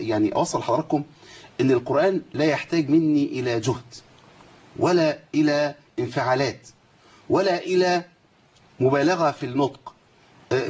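A man's voice: a little high, darkish tone, slightly rough, highs cut off. A man with an Egyptian Arabic accent teaching Quran recitation in a live lesson, quizzing students by name, reciting examples and pointing out common mistakes. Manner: quizzes students by name, demonstrates and corrects errors.

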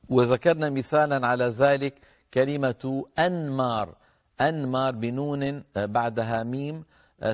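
Male recitation teacher, broadcast lesson with call-ins, mid-pitched, patient, slow drawn-out examples, chants poem verses. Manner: explains patiently, stretching example words out slowly.

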